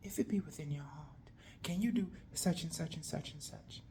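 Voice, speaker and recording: A man putting on a courteous queen in whispered role-play, soft and pleading. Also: a little high, normal speed, a little hiss or hum, voice pushed up, close to an everyday voice.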